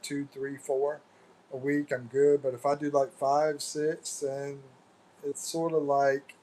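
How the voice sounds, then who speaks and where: A man's voice: medium pitch, warm tone, rough recording. A middle-aged American man hosting a livestream, casually reading viewer comments aloud and chatting back loosely, calling people "bro". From United States. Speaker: livestream host.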